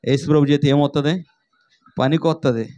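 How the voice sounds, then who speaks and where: A man's voice: on the high side, fairly even intonation, fairly quick, darkish tone. A man preaching a sermon, asking the congregation rhetorical questions and calling for responses. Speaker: pastor.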